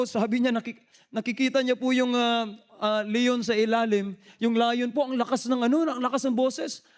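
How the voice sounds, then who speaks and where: A man preaching a sermon in a storytelling way, respectful and mixing in English phrases. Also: very high-pitched. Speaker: lay preacher.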